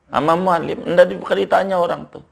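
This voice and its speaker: An older man, an Islamic scholar, explaining at length in a relaxed interview and reciting Arabic text aloud. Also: high-pitched, fairly quick, gravelly.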